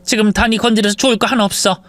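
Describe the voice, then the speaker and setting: A woman's voice: medium pitch, fairly even intonation, quick pace, dry recording, voice pushed up, lightly acted. A narrator voicing a frantic older mother-in-law who pleads and wheedles in a spoken-story drama.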